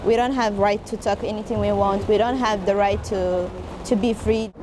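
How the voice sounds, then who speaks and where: A woman from Eritrea gives an interview testimony in halting English. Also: medium pitch, steady tone, over music. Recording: clear traffic noise behind.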